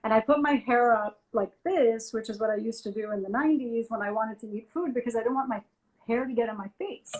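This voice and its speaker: A woman, a music journalist, telling a lively anecdote as an interview guest on a video call and acting out both sides of the dialogue. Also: a little high, fairly quick, rough recording. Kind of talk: casual storytelling on a live video chat. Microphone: phone or laptop on a video call.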